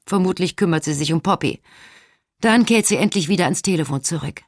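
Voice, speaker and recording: A woman reading a novel aloud in the first person as an audiobook narrator, measured and expressive. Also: on the low side, no echo, studio quality.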